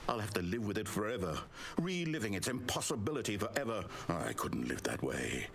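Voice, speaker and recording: A fussy, theatrical game narrator. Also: male voice, big pitch swings, brisk, creaky, fairly bright tone, a little hiss or hum, heavily acted. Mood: distraught. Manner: precise, theatrical delivery with wild swings in pitch. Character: fussy controlling male narrator, proud of his story. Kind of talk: scripted video game voice acting.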